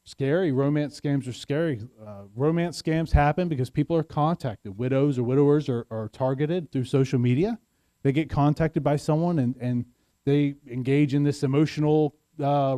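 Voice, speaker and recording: A man's voice: fairly high pitch, moderate pace, dark tone, no echo. A man giving a community talk on scams, chatty and often checking in with the audience. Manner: conversational, asks the audience "right?". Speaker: sheriff's office speaker. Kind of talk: community presentation.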